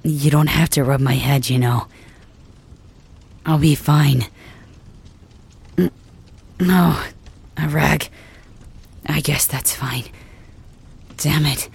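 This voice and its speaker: A woman performing a wounded warrior leader who can't move and drifts toward sleep, speaking in a weary half-whisper. The voice is low, slow and husky. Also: fairly even intonation, darkish tone, heavily acted. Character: wounded, paralyzed young warrior leader, proud and protective. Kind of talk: ASMR roleplay audio drama.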